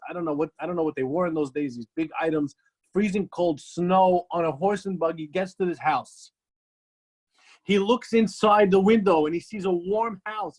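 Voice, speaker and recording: A man's voice: high voice, slightly rough. A man, a rabbi, giving an ethics class, who tells stories in an emphatic style and repeats phrases for effect.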